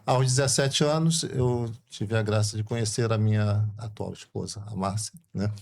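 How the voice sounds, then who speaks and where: A middle-aged man from Brazil with a Rio de Janeiro accent, a permanent deacon calmly telling his story in casual conversation, often adding tag questions. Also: fairly low pitch, normal speed, gravelly. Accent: Brazilian Portuguese, Rio de Janeiro.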